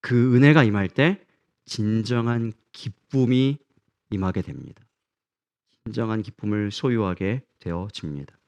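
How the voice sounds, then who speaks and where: Earnest low-voiced male pastor preaching. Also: measured pace, a little mellow. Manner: earnest, asks the congregation questions. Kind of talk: sermon.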